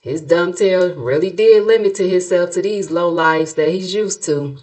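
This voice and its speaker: A lowish, slightly mellow woman's voice at a moderate pace belongs to a middle-aged American YouTube commentary host. She narrates with sass and gossip, mocking playfully and telling stories dramatically in colloquial language.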